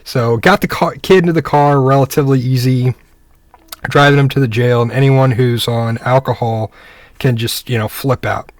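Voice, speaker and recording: A man's voice: mid-range voice, fairly even intonation, normal speed, no room sound. A young man, a police officer, casually telling a story and acting out the dialogue in a laid-back, conversational way.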